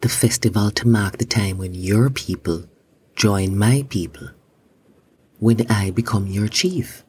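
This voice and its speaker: Guy doing a proud old chief in a kids' story, low husky voice, slow and bossy. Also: a little mellow. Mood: stern.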